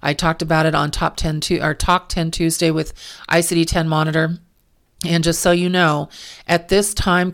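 A low-pitched middle-aged woman explains healthcare compliance rules in an informational talk. She speaks frankly, with exasperated asides. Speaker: medical coding and compliance auditor.

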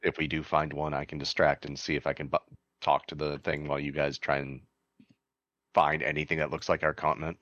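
A man's voice: very deep voice, little pitch movement, brisk, a bit bright, no room sound, lo-fi sound. A man playing a tabletop role-playing game, planning moves in a plain, matter-of-fact way. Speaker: player. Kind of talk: casual game table chat.

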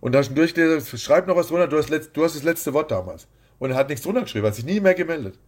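A man's voice: fairly high pitch, lively intonation, racing. A man who is a boxing promoter, talking bluntly and rambling as the guest in an interview. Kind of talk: casual interview.

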